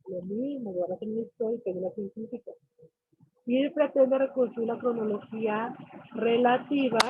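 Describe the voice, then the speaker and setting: A woman teacher lecturing a class, explaining with questions and acted-out student replies. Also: fairly high pitch. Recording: tinny phone-like call audio with faint hiss.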